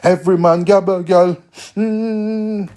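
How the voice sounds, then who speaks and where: A man's voice: fairly high pitch, lively intonation, moderate pace, a little mellow, husky. A young man, giving blunt, slangy advice to viewers on a casual livestream. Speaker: live streamer.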